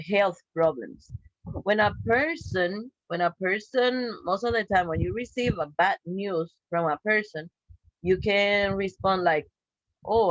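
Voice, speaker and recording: A woman who speaks Spanish as her first language, teaching an online English class with slow, patient explanations and frequent "okay?" checks. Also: medium pitch, no echo, highs cut off.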